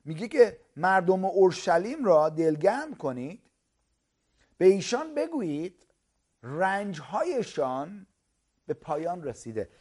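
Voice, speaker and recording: A man preaching a sermon as pastor, loud and emphatic, stretching key words slowly for stress. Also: high-pitched. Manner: loud, emphatic preaching with rising calls of hallelujah.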